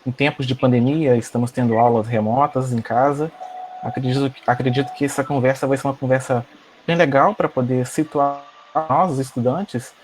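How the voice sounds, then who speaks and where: A young man with a Brazilian accent giving a halting, formal but unscripted introduction as a student host. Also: medium pitch, fairly even intonation. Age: young adult. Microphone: video call. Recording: noisy video call.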